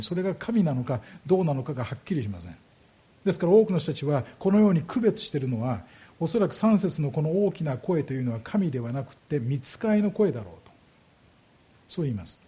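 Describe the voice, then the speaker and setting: Warm-toned, husky male preacher. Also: a little high, sing-song. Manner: expository preaching, rhetorical questions to the congregation; slows down heavily on key words. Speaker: pastor. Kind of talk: sermon.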